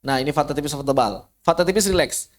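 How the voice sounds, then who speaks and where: A man's voice: a little high, fast talker. A man with an Indonesian accent teaching an online Quran recitation lesson. He drags out syllables to show how they sound and asks and answers his own questions. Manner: casual, mutters to himself while fixing slides.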